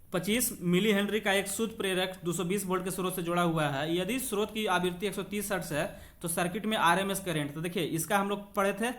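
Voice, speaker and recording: A man with a high, fairly bright voice teaches an exam class, working through practice questions. He repeats key points, checks in with brief confirmations, and switches between Hindi and English, mixing in English terms as he reads aloud.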